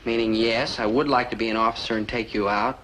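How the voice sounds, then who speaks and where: A young actor playing an eager, earnest army private in a 1960s sitcom. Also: male voice, on the low side, fairly even intonation, fast, fairly bright tone, a little hiss or hum, natural voice, poor audio. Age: young adult. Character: earnest young soldier defending a buddy.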